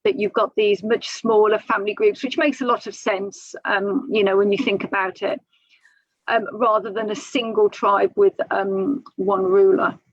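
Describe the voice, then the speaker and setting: A woman's voice: mid-range voice, fairly even intonation, moderate pace, no echo, lo-fi sound. A woman archaeologist on a panel, explaining findings thoughtfully with frequent ums and restarts over a video call.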